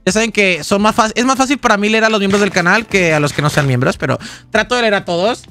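Talking fast in a high, bright, forceful voice, a man streams a game live with soft music playing behind him. His casual chat is rambling and full of jokes as he reads donations and chat aloud.

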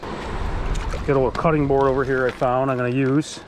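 A man's voice: medium pitch, level tone, moderate pace. A middle-aged man narrating a casual fishing vlog on the beach, upbeat and enthusiastic as he talks to the camera. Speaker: fishing vlogger. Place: sandy beach outdoors by the surf. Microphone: action camera, head-mounted. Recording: action camera outdoors with clear surf noise.

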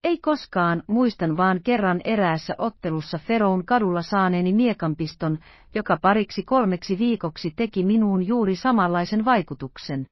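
A woman's voice: medium pitch, dry recording, lo-fi sound, natural voice. A woman reading the part of a grave, dry-witted male musketeer who speaks weightily. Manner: weighty, deliberate.

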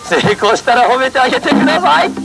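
High-voiced man running a monkey street show. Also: animated, fast, over loud music. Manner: jokingly scolds and coaxes a monkey, then politely addresses the audience. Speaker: monkey trainer and street performer. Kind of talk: live street show banter with a crowd. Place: outdoor autumn festival. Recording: noisy outdoor festival ambience.

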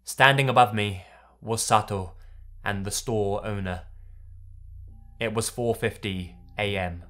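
A man's voice: lowish voice, slow, sharp tone. A man reading a horror story aloud in the first person, tense and dramatic. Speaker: narrator. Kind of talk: scripted horror story narration.

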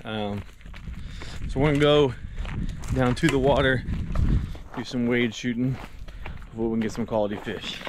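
Clear outdoor noise surrounds a young American man with a mid-pitched voice, caught on a handheld camera. He narrates his fishing vlog casually, in a laid-back, slangy style. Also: steady tone, moderate pace, pauses often. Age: young adult. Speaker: fishing vlogger. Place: outdoors at a river and bridge. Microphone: handheld action camera at arm's length. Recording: clearly noisy outdoor action-camera audio.

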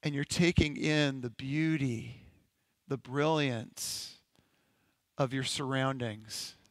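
A male pastor leading a congregation through a slow, gentle guided-imagery meditation in a sermon. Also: mid-range voice, steady tone, no room sound. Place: church sanctuary.

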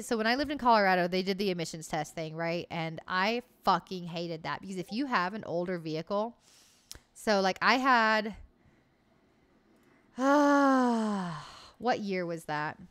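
Her voice sits at a medium pitch, expressive, a little slow and a bit bright. She's a woman in her late twenties chatting loosely and happily with her live chat while streaming from home, swearing freely, using a headset and a desk mic on an arm.

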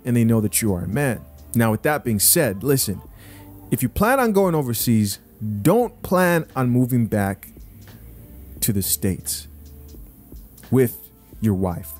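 A man's voice: mid-range voice, a little mellow. A man in his thirties, born in Zambia, giving blunt, opinionated commentary to his viewers on a close studio mic. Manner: blunt, emphatic, addresses viewers directly. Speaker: podcast host. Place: small home studio room, indoors. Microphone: close studio mic, wearing headphones.

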